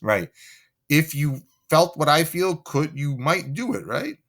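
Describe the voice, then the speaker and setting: A man teaching a play, explaining scenes in a casual, animated way with many fillers and checks of 'right?'. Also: fairly high pitch, measured pace.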